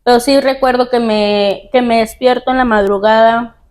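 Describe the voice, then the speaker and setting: A woman telling her personal story in a soft, hesitant way, pausing often and using fillers. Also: a little high, steady tone. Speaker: guest sharing her testimony. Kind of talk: personal testimony in conversation.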